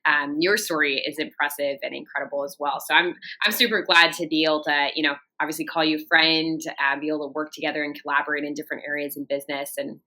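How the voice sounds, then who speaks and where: Low-pitched bright woman telling her story. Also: fairly even intonation, quick pace, few pauses, low-quality recording. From Japan. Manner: chatty, warm storytelling with frequent fillers. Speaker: podcast guest. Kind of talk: casual interview talk.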